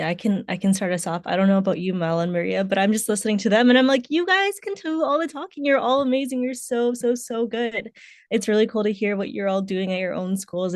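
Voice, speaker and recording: A woman's voice: medium pitch, darkish tone, no room sound, clean studio sound. A woman in her twenties, speaking bubbly and enthusiastic as a youth organization representative on a panel. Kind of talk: panel talk.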